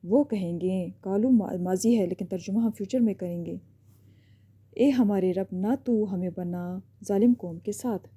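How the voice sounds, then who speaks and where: Very dark-voiced woman teaching a lesson. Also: medium pitch, husky. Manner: explains step by step, often checks with a quick "ठीक है". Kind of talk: recorded online lesson.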